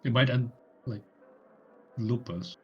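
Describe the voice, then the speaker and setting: A man's voice: medium pitch, slow, husky, dull audio, faint music behind. A man playing a tabletop game, musing tentatively about what to try next. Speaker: player.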